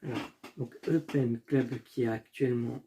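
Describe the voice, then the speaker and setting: A young man hosts a casual football video alone, speaking a little slowly in a dark, mid-range voice with fairly even intonation. He talks as he thinks, often stopping to correct himself, and apologizes when names trip him up. Slight background noise is present.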